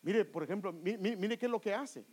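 A man's voice: high voice, brisk, darkish tone, slightly rough. A man preaching a sermon, acting out voices and calling listeners brother. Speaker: pastor.

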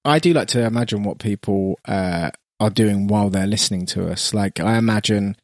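A man's voice: fairly low pitch, fairly quick, dry recording. A man co-hosting a podcast in a casual comedic chat, teasing and laughing often. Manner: jokey, teasing, lots of laughter. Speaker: podcast co-host.

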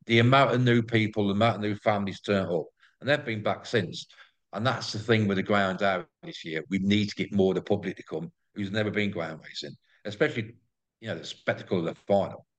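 Low-voiced Englishman, effusive and chatty. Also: a little fast. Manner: effusive, repeats words and phrases. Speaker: interview guest, greyhound track promoter. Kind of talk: casual enthusiastic chat.

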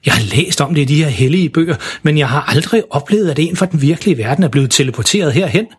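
A man's voice: a little high, animated, slightly rough. A man voicing a mysterious girl from a magic world, explaining things in a matter-of-fact way.

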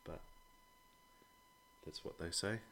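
A man's voice: slow, fairly bright tone, a little hiss or hum. A man with an Australian accent chatting casually as a podcast guest, in a laid-back, blokey way that includes some swearing. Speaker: podcast guest, a father talking about his children. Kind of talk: casual conversation.

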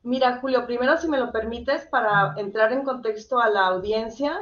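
A woman's voice: on the high side, moderate pace, a bit bright, dull audio. A woman speaking as an interview guest, explaining things conversationally and addressing the host directly.

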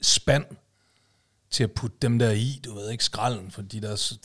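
His voice is fairly low and a bit bright. As co-host of a casual podcast conversation, he tells drawn-out stories loaded with fillers and repeated "du ved, ikke?".

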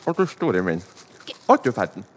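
A man voicing a bumbling, excitable male animal in a children's audio play, fussy and theatrical. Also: low voice, slight background noise. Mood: fibbing. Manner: fussy, theatrical, swings to squeals.

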